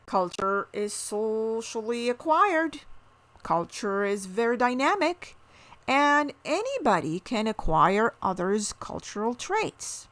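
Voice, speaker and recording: Lively woman explaining cultures. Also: fairly high pitch. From Morocco. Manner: explains with examples, asks viewer questions. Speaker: cultural diversity educator. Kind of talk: educational talk to camera.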